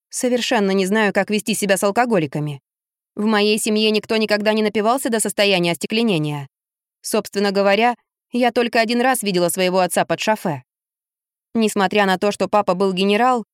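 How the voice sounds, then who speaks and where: A woman reading a first-person audiobook in a measured, lively storytelling manner. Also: medium pitch, smooth, dry recording, studio quality. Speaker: audiobook narrator.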